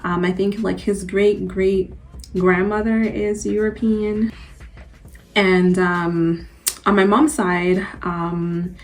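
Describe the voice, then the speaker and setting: A young woman from Antigua, born in Guyana, chatting casually to her channel in a relaxed, rambling way. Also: mid-range voice. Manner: chatty, relaxed, loose with fillers. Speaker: channel host. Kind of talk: casual personal vlog.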